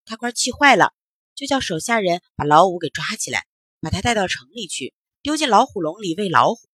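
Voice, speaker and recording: A woman's voice: medium pitch, very animated, fairly quick, fairly bright tone, husky, no echo, clean studio sound. A woman narrating a children's story expressively, acting out sounds as she goes.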